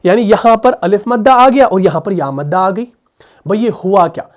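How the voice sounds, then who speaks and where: Male recitation teacher, lesson delivery, answers his own questions, drills sounds slowly. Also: sits high, animated. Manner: asks rhetorical questions and answers them; drills sounds by slow repetition. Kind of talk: explanatory tajweed lesson.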